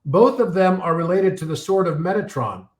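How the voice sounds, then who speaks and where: A man giving a live talk and taking audience questions, telling stories full of fillers and restarts while his voice is getting a little hoarse. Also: high-pitched, lively intonation, normal speed, echoey room. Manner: rambling storytelling with many fillers and restarts.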